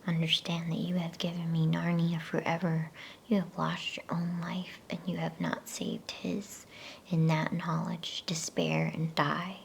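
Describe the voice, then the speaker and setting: A woman voicing a cruel, gloating witch queen from a storybook in a breathy, menacing whisper. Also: fairly low pitch, flat delivery, a little slow. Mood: cold gloating. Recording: faint background noise.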